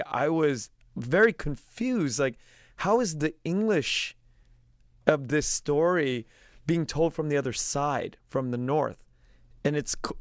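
A man hosting an interview, asking questions in a halting, careful way with frequent restarts. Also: a little high, dry recording, studio quality. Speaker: podcast host.

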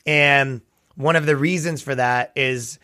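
Casual male interview guest, gravelly and raspy, forceful tone, recorded dry. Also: mid-range voice, fairly even intonation, unhurried, no echo. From Canada. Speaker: comedian and musician, interview guest.

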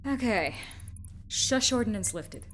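A dry, teasing ship's medic. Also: female voice, a little high, lively intonation, slow pace, noisy background. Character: wry confident woman ship's medic.

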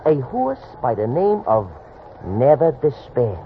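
An actor playing a shifty small-time racetrack tout with wheedling, stilted slang in an old-time radio drama. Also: male voice, medium pitch, wildly swooping pitch, slow pace. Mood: wheedling, eager. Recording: muffled, noisy old radio recording.

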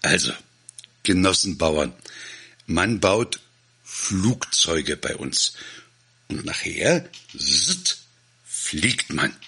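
A man's voice: deep voice, sing-song, very slow, creaky, pauses often, pushed and bright, breathy edge, heavily acted. A man voicing a boastful, clumsy male village guard who rambles through a speech to farmers. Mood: blustering. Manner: pompous, rambling, flustered.

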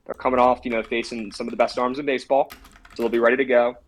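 A man's voice: medium pitch, level tone, quick pace, low-quality recording. Brash man giving betting picks. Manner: brash, confident picks talk. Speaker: sports betting co-host. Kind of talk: casual sports betting chat.

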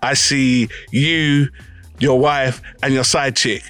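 A man's voice: mid-range voice, steady tone, takes it slowly, a bit bright, clear, resonant tone, no room sound, faint music behind. A man with a London roadman accent, debating casually and in slang as a podcast co-host.

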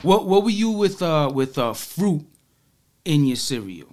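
A married man telling animated, slangy stories in a casual chat, laughing often. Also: a little high, measured pace. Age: adult, married.

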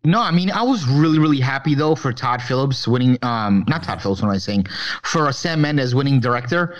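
A man's voice: medium pitch, lively intonation, fairly quick, highs cut off. A man co-hosting a podcast, chatting casually about film and talking in rambling, profane bursts full of restarts. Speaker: podcast co-host.

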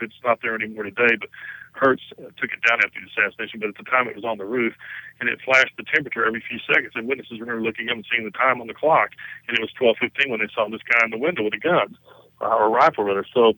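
A man's voice: mid-range voice, very fast, pushed and bright, dry recording, low-quality recording. A man explaining his case conversationally as an interview guest, emphatic and insistent.

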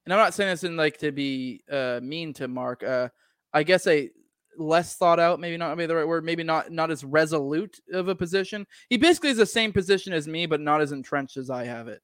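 A man from Maine with a slightly high voice talks loosely and with strong opinions on a podcast, laughing often and swearing freely. The sound is close and dry. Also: fairly quick, a bit bright, dry recording. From Maine, United States. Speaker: podcast co-host. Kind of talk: casual conversational podcast chat.

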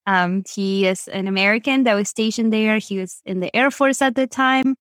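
A woman with an Argentine Spanish accent appears as a podcast guest in a casual storytelling interview, rambling and full of fillers. Her voice is mid-range at normal speed, captured as a dry, clean studio recording.

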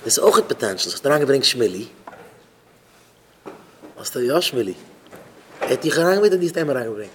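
A man's voice: mid-range voice, sing-song, fast talker, pauses often, fairly bright tone, slight background noise. A man, a rabbi, giving an informal talk at a Shabbat gathering, repeating phrases and questioning listeners by name. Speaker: rabbi addressing students.

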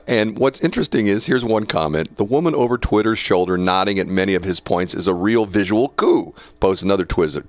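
A talk show host man with a low voice that moves animatedly up and down as he reads news items aloud. He breaks into opinionated asides and chuckles between points, recorded close and dry in a studio. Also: dry recording. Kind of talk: casual talk radio commentary.

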